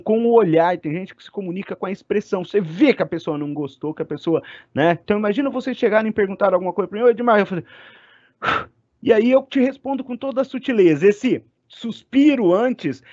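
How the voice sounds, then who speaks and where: A man giving an online class lecture, talking fast and animated and getting loud when excited. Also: high-pitched, no echo. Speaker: university lecturer. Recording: dry, slightly muffled sound.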